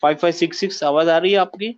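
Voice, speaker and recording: A man's voice: on the high side, steady tone, no room sound, dull audio. A man teaching a grammar class online, patiently quizzing his students and repeating key points. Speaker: Arabic teacher.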